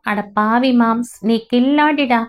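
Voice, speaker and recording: A woman's voice: on the high side, slow. A woman reading the part of a playful young wife who teases her husband, voice raised above her narration. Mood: teasing. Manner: teasing, affectionate.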